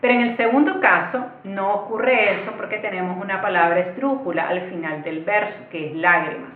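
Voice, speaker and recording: A woman's voice: medium pitch, fairly quick, a little hiss or hum. A woman teaching an online lesson, explaining step by step in a patient way and speaking directly to her viewers. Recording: echoey room, tinny phone-like sound.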